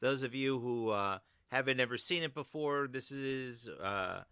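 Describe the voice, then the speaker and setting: A man hosting a podcast in casual chat, talkative and quick to laugh. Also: medium pitch, pushed and bright, clear, resonant tone, dry recording. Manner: chatty, laughs often. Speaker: podcast host.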